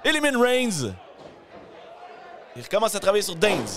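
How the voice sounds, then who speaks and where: A male wrestling commentator with a Quebec French accent delivers live play-by-play in a high-pitched, excitable voice. He exclaims and often shouts his calls, with a light crowd sound behind him. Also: normal speed. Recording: live event with crowd noise.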